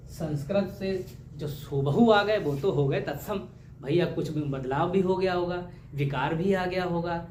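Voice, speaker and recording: A man teaches grammar for an exam, his voice sitting a little high. He keeps firing questions and repeating the answers with a playful, homely touch. The recording echoes around the room over a faint ambient hum. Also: darkish tone. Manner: joking, homely teacher talk. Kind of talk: exam-prep grammar lesson.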